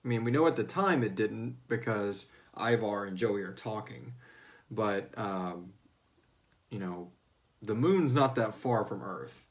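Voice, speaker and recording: A man from Houston in the United States, who writes a fiction series, jokes around casually while hosting a livestreamed fan Q&A. His voice is on the low side and animated, though his pace stays measured. The tone is informal, and he breaks into playful voices now and then.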